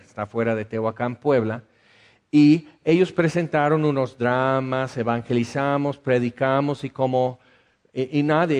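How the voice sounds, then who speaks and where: Animated Mexican pastor preaching. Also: male voice, mid-range voice. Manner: animated, acts out dialogue, conversational asides. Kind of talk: sermon with storytelling.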